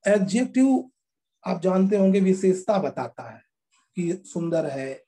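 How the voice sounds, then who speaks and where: Mellow-voiced male teacher, patient. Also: high voice, big pitch swings, husky. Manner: explains slowly and repeats words, calls students children. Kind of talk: classroom grammar lesson.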